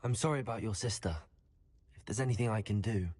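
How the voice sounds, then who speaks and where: A man voicing a polite, earnest young wizard student in a video game, with a British accent and a measured, courteous way of talking. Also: fairly low pitch, darkish tone, no echo, natural voice. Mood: friendly. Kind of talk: scripted video game dialogue.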